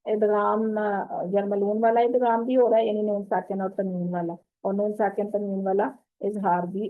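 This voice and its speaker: Through narrow, tinny audio, a woman with a mid-range voice and a Pakistani Urdu accent gives an online tajweed class to women students. She patiently explains Quran recitation rules and tests her students with questions.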